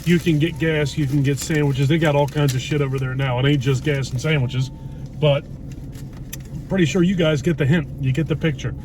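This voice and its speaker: A middle-aged man talks in a fairly high male voice. He rambles casually and bluntly, with mild swearing, like a food vlogger. The recording has plenty of car-interior noise behind him. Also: fairly even intonation, brisk. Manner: blunt, mildly profane, rambling. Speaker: food vlog host. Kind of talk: casual chat. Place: inside a parked car in a driveway. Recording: noisy car interior with road hum.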